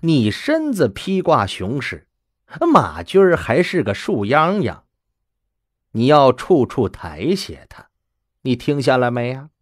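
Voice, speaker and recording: A blunt, probing old grandmother, put on by a man. She talks slowly and measuredly, leaning on each word, her pitch rising and falling with life, in a dry close recording. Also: huge pitch swings, no room sound, exaggerated voice. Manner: slow, measured, pressing questions.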